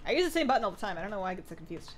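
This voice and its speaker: Very animated and very fast, a woman with a medium-pitched voice chats casually with her viewers while gaming live, reading their questions out loud with frequent "like" and "um." Her voice is a bit worn from two hours of talking, and a little hiss or hum is audible.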